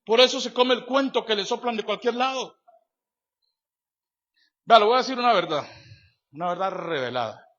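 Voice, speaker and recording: High, bright-voiced man preaching emphatically. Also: expressive, moderate pace, long pauses. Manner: emphatic preaching with repeated phrases and sudden swings between loud and soft; addresses the congregation directly with rhetorical questions. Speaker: pastor. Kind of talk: sermon. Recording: dull lo-fi church sermon recording.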